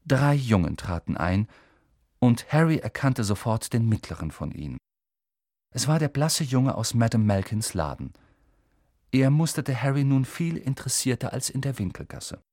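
Lively male audiobook narrator. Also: mid-range voice, moderate pace, no echo, clean studio sound. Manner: expressive, lively storytelling. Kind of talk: audiobook reading.

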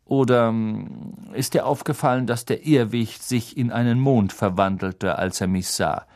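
A man voicing a calm, weary middle-aged teacher in a storybook reading, speaking gently and carefully. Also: medium pitch, measured pace, lightly acted.

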